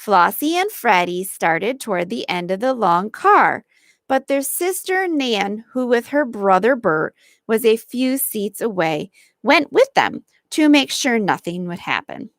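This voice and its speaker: A woman teacher reading a classic storybook aloud slowly and clearly for English learners. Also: on the high side, sing-song, no room sound, studio quality. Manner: slow, clearly articulated reading.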